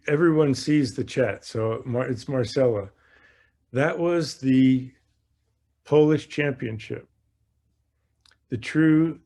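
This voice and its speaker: In a live online Q&A, a male golf coach gives conversational instruction, repeating phrases as he goes. His voice is mid-range with a dark tone.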